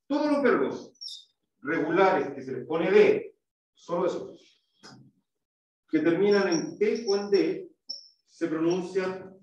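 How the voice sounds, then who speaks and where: A male English teacher with a high voice teaches in a school classroom, explaining step by step, questioning students and demonstrating sounds. The audio is dull and echoey, captured by a mic far off.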